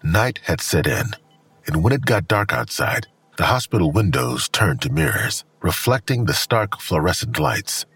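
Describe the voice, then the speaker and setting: A male narrator reads scripted drama prose in a deep, extremely husky voice that is fairly bright. His intonation moves up and down freely in a sing-song way at normal speed, and the recording is dry and close.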